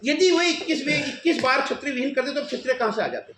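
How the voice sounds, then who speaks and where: Emphatic high-voiced man in echoey room. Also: lively intonation, quick pace. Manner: earnest, emphatic, insistent. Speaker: event organizer at a press conference. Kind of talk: press conference answers. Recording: echoey room with background noise.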